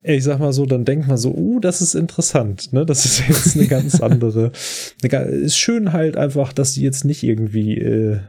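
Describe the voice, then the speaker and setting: A man's voice: mid-range voice, normal speed, vocal fry, hardly any pauses, dark tone, breathy edge. A man hosting a podcast, chatty and rambling as he casually retells an episode. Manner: chatty, rambling, many fillers. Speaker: podcast host.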